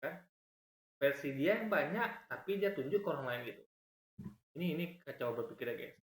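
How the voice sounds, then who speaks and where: A man giving argumentative reaction commentary, explaining points over and over and swinging his pitch up and down as he talks. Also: expressive, a little fast, roomy sound.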